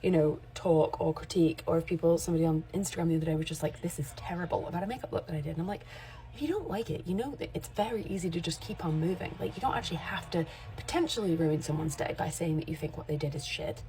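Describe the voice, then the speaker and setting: Talking fast in a low-pitched, dark voice, a woman in her forties who works as a makeup artist chats openly to the camera. Her vlog is casual and rambling, full of self-corrections.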